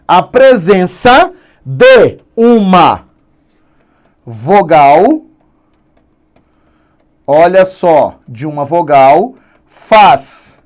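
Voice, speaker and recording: A Brazilian man teaches Portuguese grammar online, lively and stretching out important words slowly to stress them. His voice sits high.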